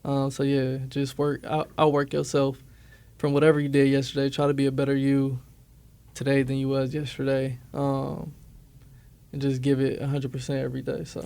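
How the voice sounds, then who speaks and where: A man's voice: mid-range voice, monotone, normal speed, vocal fry, a little mellow, smooth. A man in his twenties from Milwaukee, a barber speaking as a guest in a casual interview, laid-back and often checking in with his listener. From Milwaukee, USA. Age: 20s. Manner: laid-back, often tags lines with "you know what I'm saying".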